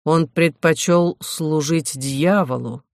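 A reader voicing a stern, scheming older medieval bishop who talks slowly and quietly in an audiobook. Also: medium pitch, no room sound, studio quality, natural voice. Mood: stern, cold. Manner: slow, measured, quiet.

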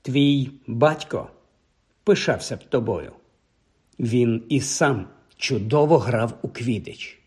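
A man voicing a stern older female teacher, strict and measured. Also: medium pitch, expressive, lightly acted.

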